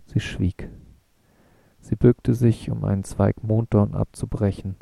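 A man narrating an audiobook in a calm, even, measured reading. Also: fairly low pitch, gravelly, no echo.

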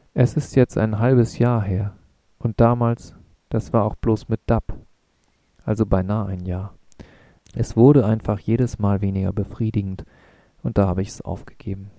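A man voicing a brooding, searching young man in an audiobook, with a rough, earnest, musing way of talking. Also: fairly low pitch, warm tone, dry recording. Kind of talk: audiobook reading.

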